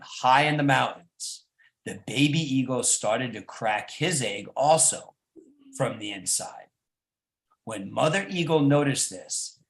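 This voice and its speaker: Slow, animated man reading to kids. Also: medium pitch. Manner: animated, coaxing. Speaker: storyteller for children. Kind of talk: reading a children's story aloud. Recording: echoey room.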